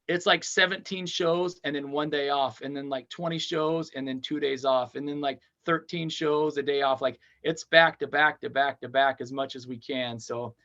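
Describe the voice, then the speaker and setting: A man's voice: a little high, steady tone, pushed and bright, muffled recording. A man in his forties, a touring band frontman, chatting in an upbeat, rambling way as a podcast guest. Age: 40s. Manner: upbeat, rambling, talks fast in long runs. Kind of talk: casual interview chat.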